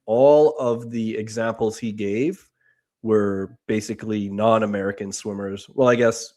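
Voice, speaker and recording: Low-voiced man from the Bahamas. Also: darkish tone. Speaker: podcast co-host. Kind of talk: casual sports chat.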